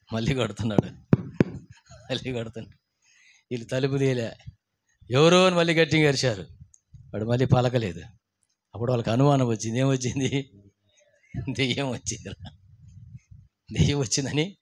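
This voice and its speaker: A man, a pastor preaching a sermon, telling stories and asking the congregation questions. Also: mid-range voice. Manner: asks the congregation questions, acts out scared voices in stories. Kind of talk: sermon with storytelling.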